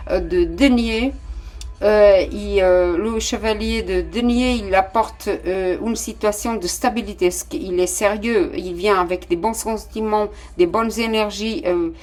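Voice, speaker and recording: Woman doing a tarot reading for viewers, lots of ums and restarts, foreign accent in her french. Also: mid-range voice. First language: not French. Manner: hesitant, many fillers and restarts, addresses viewers directly. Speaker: tarot reader.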